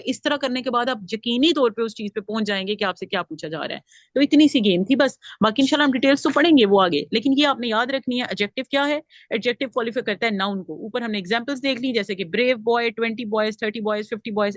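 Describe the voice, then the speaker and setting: A woman's voice: a little high, expressive, fast talker, no echo, lo-fi sound. A woman teaching a grammar class, explaining step by step and putting questions to her students. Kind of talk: classroom lesson.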